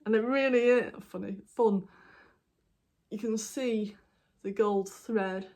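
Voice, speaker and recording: Steady in tone, slow in pace, and darkish in color, her mid-range voice carries a casual show-and-tell vlog. This British knitting podcaster has hiccups and meanders as she shows her projects, saying um and apologizing a lot.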